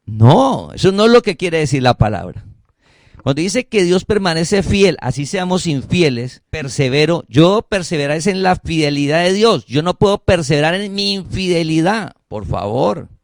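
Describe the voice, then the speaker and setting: A male pastor delivers a sermon with emphatic conviction. His voice sits somewhat high for a man, and the sound is dry and close. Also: very animated, moderate pace, no echo. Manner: emphatic preaching that acts out listeners' excuses; addresses congregation as family.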